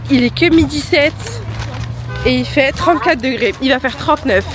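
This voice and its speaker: This young woman's voice sits high and expressive at a moderate pace, stuffed up with a head cold. She's vlogging to her phone camera, chatty, upbeat, and heavy on slang, with music running underneath.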